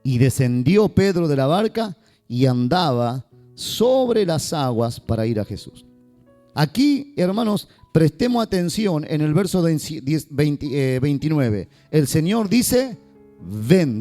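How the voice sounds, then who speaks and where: Male pastor, warm lively sermon delivery, faint guitar underneath. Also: on the high side, a little slow. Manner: lively, joking asides to the congregation.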